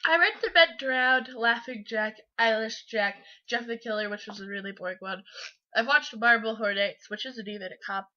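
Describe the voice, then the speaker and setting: A woman's voice: on the high side, moderate pace. A sick woman with a congested, stuffy nose, hosting and reading scary stories in a giggly, mock-dramatic way. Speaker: channel host. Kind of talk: dramatic comic story reading. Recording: muffled lo-fi home recording.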